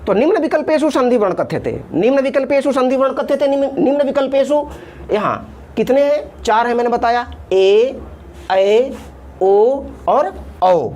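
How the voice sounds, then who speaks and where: Female Sanskrit grammar teacher, high and animated, explains patiently with lots of repetition. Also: moderate pace. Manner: patient, repeats terms in Sanskrit then Hindi, draws out vowel sounds. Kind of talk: classroom lesson explaining at a board.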